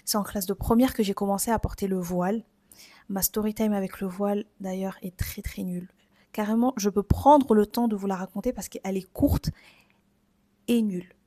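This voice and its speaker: A warm, mid-range voice belongs to a twentysomething podcast host from France, whose French accent colors her personal, reflective episodes. She speaks in a casual, confiding, conversational manner.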